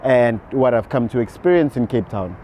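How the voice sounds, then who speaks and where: A South African man, a real estate agent, chatting casually on a city rooftop with relaxed fillers and laughs. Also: mid-range voice, normal speed, slight background noise. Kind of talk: casual on-camera chat.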